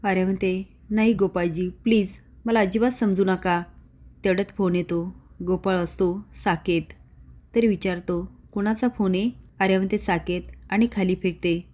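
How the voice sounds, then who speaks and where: A woman's voice: medium pitch, fairly even intonation, moderate pace, a little mellow. A woman retelling a TV serial episode as a story, voicing every character's lines herself. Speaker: narrator recapping a TV serial episode. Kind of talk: dramatic episode recap narration.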